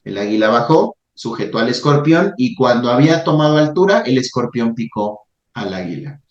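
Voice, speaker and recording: Calm and reflective, this male podcast host tells stories and offers spiritual reflections in a mid-range voice, frequently stopping and starting over. His audio is roomy with a slight muffle.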